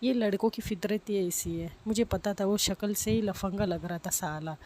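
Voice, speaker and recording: A woman narrator voices a young woman who panics at shadows, then turns blunt and mocking. She talks quickly, and there is a faint hiss of room noise behind her. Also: mid-range voice, darkish tone, lightly acted.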